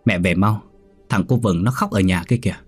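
A man's voice: low voice, fairly quick, breathy edge, faint music behind. A man playing an anxious pleading village son. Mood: urgent, pleading. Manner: urgent and pleading. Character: worried middle-aged village son.

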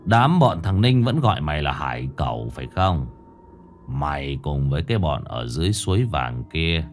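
A man voicing a cruel middle-aged male crime boss who speaks slowly in a rasping, sneering voice. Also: sits low, darkish tone, full character voice.

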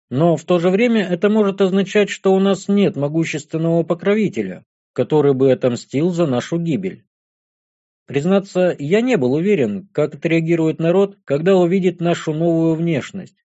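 A man reads a first-person fantasy audiobook in an even, measured way. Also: a little high, muffled recording. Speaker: audiobook narrator.

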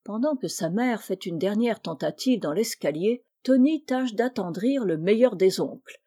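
Female audiobook narrator, mellow tone, expressive storytelling. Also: medium pitch, moderate pace. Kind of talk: audiobook reading of a classic children's story.

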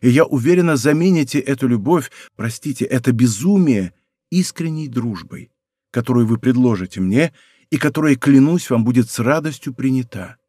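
Brief: male reader doing a proud young princess for an audiobook; quiet, composed, mid-pitched, close and dry. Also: husky, dry recording. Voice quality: soft, hushed. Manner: calm, deliberate and quietly firm. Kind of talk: audiobook character voice.

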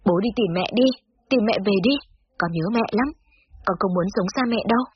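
A woman's voice: medium pitch, brisk, slight background noise, lightly acted. A woman voicing a distraught girl of nine or ten who pleads through sobs, in a slightly dull lo-fi recording. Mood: accusing. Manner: sobbing, pleading.

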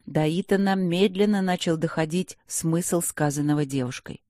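A narrator reading a fantasy audiobook in a measured storytelling manner on a close studio mic. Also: mid-range voice, a little mellow, dry recording. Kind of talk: scripted narration.

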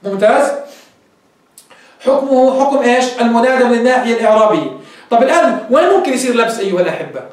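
High-voiced sheikh teaching grammar. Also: male voice, animated, racing. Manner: explains step by step, asks the class questions and answers them. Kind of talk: classroom grammar lesson. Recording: very echoey room, mic far off.

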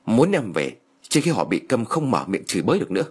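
A man's voice: lowish voice, very animated, quick pace, a little mellow, breathy edge. A man voicing a bitter young wife speaking coldly. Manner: cold, cutting.

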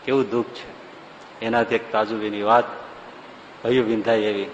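A man's voice: on the low side, level tone, normal speed, slight background noise. A man giving a devotional discourse, telling stories animatedly and breaking into sung verses. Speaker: spiritual discourse speaker. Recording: echoey hall with faint ambience.

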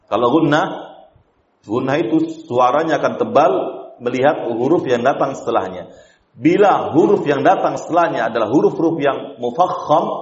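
A man teaching the rules of Quran recitation with an Indonesian accent, explaining each rule, chanting slow examples and quizzing his class. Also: a little high. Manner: explains then chants examples slowly, asks the class questions. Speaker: tajwid teacher. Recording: roomy, dull lo-fi lecture recording.

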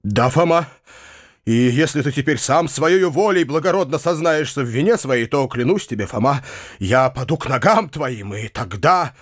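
A man's voice: medium pitch, animated, normal speed, no echo, studio quality, lightly acted. A man voicing a kindly, flustered middle-aged uncle who stammers and hesitates over his words. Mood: earnest.

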